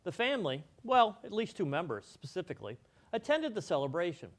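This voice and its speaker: A man's voice: sits high, very animated, fairly quick. A man presenting scripted comedic news as the show's anchor.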